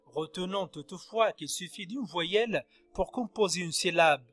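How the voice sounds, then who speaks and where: A man's voice: high-pitched, unhurried, fairly bright tone. A man teaching a lesson on verse and syllable counting, spelling out letters one at a time. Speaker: French literature teacher. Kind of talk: slow spoken lecture on verse.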